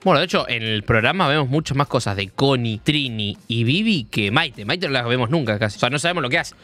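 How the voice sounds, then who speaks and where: Fast, bright-voiced Argentine young man. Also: medium pitch, lively intonation, faint music behind. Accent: Argentine Spanish. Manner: chatty, joking, opinionated asides to viewers. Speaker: streamer reacting to a reality show. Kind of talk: casual reaction commentary.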